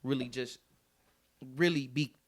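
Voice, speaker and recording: A man's voice: medium pitch, measured pace, no echo, clean studio sound. A young man in his twenties, a guest actor and musician, chatting casually with laid-back slang and frequent "you see what I'm saying" tags. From Cleveland Heights, Ohio; born in DC. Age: 20s. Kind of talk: casual chat.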